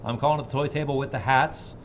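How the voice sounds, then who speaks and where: A man runs a live auction in an average-pitched voice. His auctioneer's chant repeats numbers, and his talk is informal and plain. There is faint noise behind him. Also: steady tone, fast, lo-fi sound.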